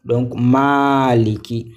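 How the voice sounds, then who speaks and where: Slow, patient man teaching word by word. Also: medium pitch, steady tone. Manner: slow, patient, repeats syllables and words for students; asks students questions and praises answers. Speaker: Quran reading teacher. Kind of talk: live online reading lesson.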